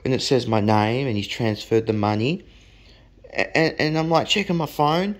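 A man's voice: mid-range voice, moderate pace, close to an everyday voice. A man putting on the voice of a young male buyer who begs and stammers. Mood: insistent. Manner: begging, stammering repetitions.

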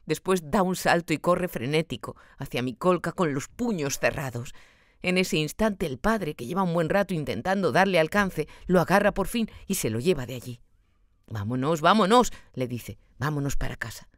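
A woman narrating a literary audiobook in a slow, measured, dramatic and expressive way. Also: on the low side, dry recording, studio quality.

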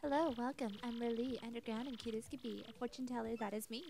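Woman voicing a high-pitched rhyming fortune teller. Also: fairly even intonation, quick pace, vocal fry, warm tone, soft background music. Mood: welcoming, mystical. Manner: fortune teller's sing-song rhyming patter. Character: cheerful rhyming female fortune teller in a video game. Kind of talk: reading game dialogue aloud in character.

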